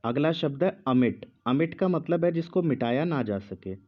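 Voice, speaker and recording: Slow, deliberate male teacher. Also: a little high, expressive, muffled recording. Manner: speaks slowly with pauses, repeats each word. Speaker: Hindi teacher. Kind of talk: slow dictation lesson.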